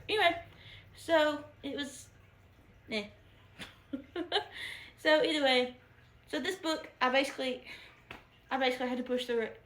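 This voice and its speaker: A woman's voice: high voice, fairly bright tone, a little hiss or hum. A woman giving a casual book review, chatty and giggly, with lots of fillers and restarts. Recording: echoey room.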